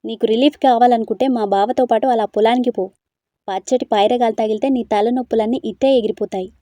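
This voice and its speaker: A feisty young woman in a storybook who scolds and teases, voiced by a woman reader. Her voice is warm and mellow, recorded close and dry. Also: fairly high pitch, fairly even intonation, fairly quick, no echo, close to an everyday voice. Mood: scolding. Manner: sharp, scolding and teasing.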